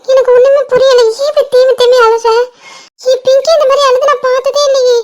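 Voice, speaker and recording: A woman's voice: very high voice, little pitch movement, brisk, darkish tone. A woman voicing a worried young woman in a cartoon, who anxiously presses her crying best friend with questions.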